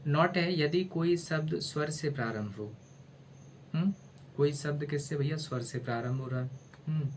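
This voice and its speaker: A man's voice: a little high, normal speed, a little hiss or hum, rough recording. A man teaching a video lesson, spelling words out letter by letter, asking himself rhetorical questions and calling his listeners brother. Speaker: English teacher. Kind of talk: explaining grammar in a video lesson.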